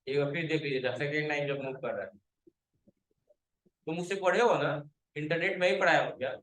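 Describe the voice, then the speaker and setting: A man's voice: on the high side, fairly quick, a bit bright, roomy sound, poor audio. A male computer teacher giving a classroom lecture, quizzing his students, calling them to stand and scolding those who have not understood.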